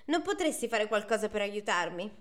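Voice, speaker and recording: A woman's voice: mid-range voice, sing-song, normal speed, lightly acted. A woman voicing a naive young merchant's daughter in a folk tale, speaking in a plaintive, whiny way.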